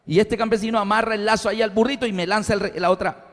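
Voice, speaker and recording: A man with a high voice preaches a sermon, moving between scripture and a vivid parable he acts out in full. His voice carries a long reverb, as if it fills a large hall. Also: very fast. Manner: animated storytelling, acting out scenes, addressing "queridos amigos".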